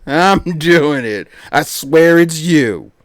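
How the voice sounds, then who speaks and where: A man reads a visual novel aloud on a livestream, blending theatrical narration with playful, excitable banter. His voice is fairly high and slow, and the close setup sounds dry.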